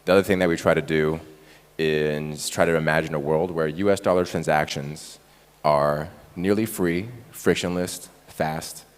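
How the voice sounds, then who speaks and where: Very deep-voiced man presenting in a hall. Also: moderate pace, clear, resonant tone. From Taiwan. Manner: relaxed, conversational, frequent "right?" tags. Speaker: conference speaker. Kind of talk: conference presentation. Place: large conference hall. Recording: reverberant hall.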